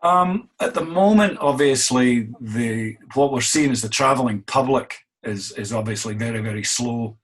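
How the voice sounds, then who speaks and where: A man's voice: medium pitch, normal speed, few pauses, husky. A middle-aged man with a Scottish accent, an innkeeper answering interview questions in a wry, self-deprecating way. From Scotland.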